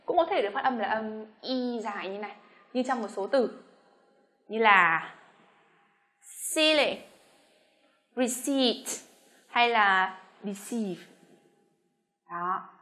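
A Vietnamese woman teaching English pronunciation, speaking slowly on her model words between quicker explanations. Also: mid-range voice, animated, sharp tone. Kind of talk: pronunciation lesson.

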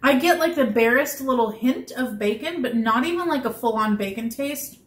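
American woman doing a casual food review, kinda high voice, echoey indoor recording. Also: animated, normal speed. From Chicago, US. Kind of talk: casual chat snack review. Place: indoors, small room on a sofa. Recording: roomy echo, clear background noise.

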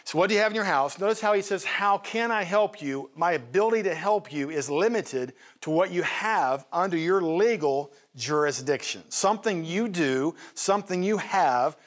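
A man hosting a faith and finance show, teaching from the Bible in an animated way. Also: fairly high pitch, moderate pace, few pauses. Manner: animated, acts out Bible voices. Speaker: host and teacher.

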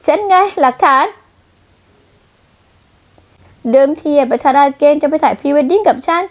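A woman voicing a spoiled young fiancée who whines and tattles in a shrill manner, in a manga dub. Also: fast talker. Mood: whiny tattling.

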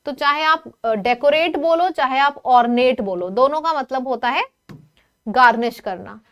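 Woman teacher, high voice, lively, coaxing, quizzes her students. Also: measured pace, clean tone. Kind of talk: online vocabulary lesson.

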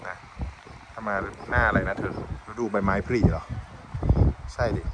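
A man's voice: fairly low pitch, fairly even intonation, a little slow. A man giving casual, chatty travel commentary outdoors by a mountain river, thinking aloud as he walks and tastes food. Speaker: travel vlogger. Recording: loud outdoor background noise.

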